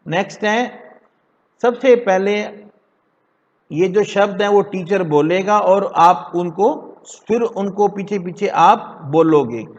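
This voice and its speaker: A man teaching an English lesson to children in Hindi, slowly drilling words for them to repeat. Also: high-pitched. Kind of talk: classroom lesson explained in Hindi. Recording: dull echoey classroom recording.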